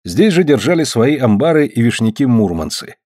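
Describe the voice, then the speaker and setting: Guy narrating an audiobook, expressive, very animated pitch, dry recording. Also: moderate pace, no echo. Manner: expressive storytelling.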